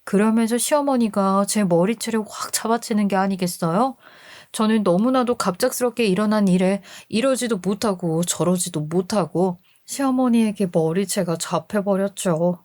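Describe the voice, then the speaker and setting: A woman's voice: medium pitch, moderate pace, darkish tone, no room sound, studio quality. A woman narrating a first-person family story as a scripted radio storyteller, in an aggrieved, emotional manner.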